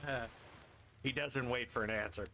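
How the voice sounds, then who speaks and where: A man's voice: mid-range voice, moderate pace, creaky, slight background noise. A man streaming a dating game, reading its narration aloud with wry, amused, laughing asides. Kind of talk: casual game narration and commentary. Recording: loud game music behind.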